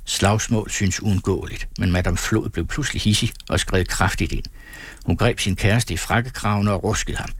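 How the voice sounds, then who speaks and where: Low, husky male audiobook narrator. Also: steady tone, no echo. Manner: measured, storytelling. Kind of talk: scripted narration.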